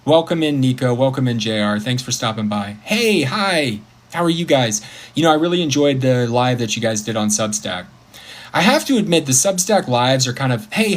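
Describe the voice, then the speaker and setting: A man talking casually on a livestream, his thoughts wandering from one to the next. He breaks off often to welcome viewers, and his pitch sits in an ordinary middle range. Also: fairly bright tone. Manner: rambling, chatty, greets viewers mid-sentence. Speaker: livestream host.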